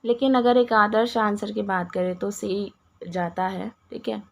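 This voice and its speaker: A woman with a hoarse voice and a cough, explaining answers to exam questions with restarts and many English words. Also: medium pitch, little pitch movement, a little slow. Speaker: teacher going through exam questions. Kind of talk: Hindi exam-prep lesson.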